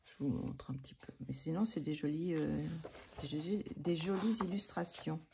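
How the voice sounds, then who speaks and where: A woman's voice: deep voice, moderate pace, vocal fry, warm tone, a little hiss or hum. A woman vlogger chatting casually about her coloring books, hesitating often with fillers and restarts. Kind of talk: casual chat.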